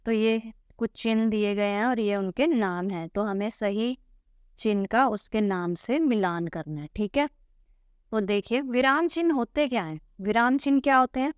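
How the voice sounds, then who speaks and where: A woman's voice: medium pitch, clear, resonant tone, no echo, clean studio sound. A woman teaching a school Hindi lesson, patiently walking through textbook answers and often checking in with "theek hai". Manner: patient, repeats "ठीक है" often.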